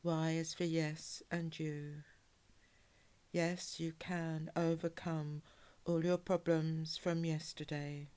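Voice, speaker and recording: A woman guiding a relaxation hypnosis in a calm, measured, soothing way, with soft, breathy phrase endings. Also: sits low. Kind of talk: guided relaxation hypnosis, soothing scripted narration.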